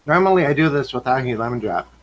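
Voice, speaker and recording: A man's voice: medium pitch, expressive, fast talker, rough recording. A man hosting a casual live stream, chatting while he eats and tastes snacks. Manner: chatty, talks while eating and tasting. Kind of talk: casual chat.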